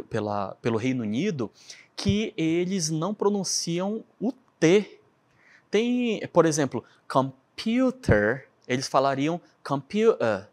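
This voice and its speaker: A Brazilian man with a Brazilian Portuguese accent, teaching a chatty English lesson and checking in often with his class. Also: on the high side. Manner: chatty, animated, keeps checking in with "né?".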